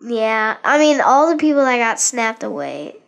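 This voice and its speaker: Female co-host, high pitch, hesitant casual movie chat. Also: big pitch swings, gravelly, a little hiss or hum. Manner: halting, full of fillers and restarts. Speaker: podcast co-host.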